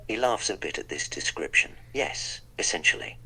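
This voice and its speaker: A man's voice: low voice, expressive, normal speed, pushed and bright, breathy edge, full character voice, poor audio. A man voicing the Doctor, a wry, polite eccentric time traveller, in a text-to-speech role-play that narrates his own actions.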